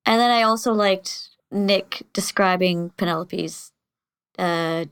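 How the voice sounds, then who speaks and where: A woman's voice: mid-range voice, slow, clear, resonant tone. Woman player just chatting, kinda rambly, mid voice. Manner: rambling, searching for words. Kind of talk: casual chat.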